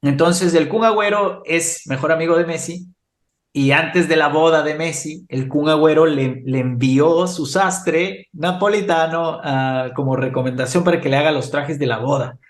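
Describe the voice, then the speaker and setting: A man with an Ecuadorian accent, a podcast guest telling a lively anecdote in casual conversation, laughing often. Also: on the high side, moderate pace, echoey room. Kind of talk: casual storytelling interview.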